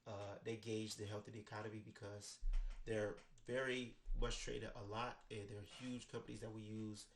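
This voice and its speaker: A man's voice: on the low side, flat delivery, normal speed, slight background noise. A man with an American accent and a stuffy nose from a cold, casually explaining finance topics into a desk microphone. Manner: loose and conversational, many "right?" tags. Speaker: finance educator. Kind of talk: casual explainer talk to camera. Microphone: studio microphone with headphones.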